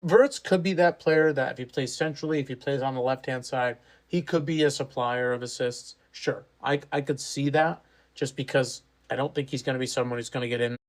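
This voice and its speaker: Man, podcast co-host, mid pitch, opinionated and argumentative in casual banter. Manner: opinionated, argumentative, quick to take positions. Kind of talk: casual sports podcast chat.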